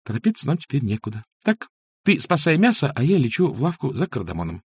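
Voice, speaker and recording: A playful woman in love, teasing and then bossing her man about, voiced by a man reading an audiobook. The voice sits high and swings widely, with a husky grain. The sound is dry and close. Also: very animated, brisk, a little mellow, no room sound, heavily acted. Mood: bossy. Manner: teasing, bossy.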